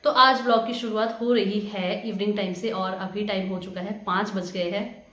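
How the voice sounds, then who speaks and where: A woman's voice: mid-range voice, fairly even intonation, normal speed, fairly bright tone, roomy sound. A woman in her twenties from Himachal Pradesh, answering viewer questions in a casual vlog, chatty and hesitant with many fillers. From Himachal Pradesh, India. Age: 20s. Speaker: vlogger. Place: home room.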